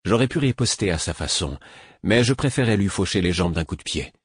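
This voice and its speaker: Deep, husky male audiobook narrator. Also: lively intonation, a little fast, no echo, clean studio sound. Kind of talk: scripted first-person narration.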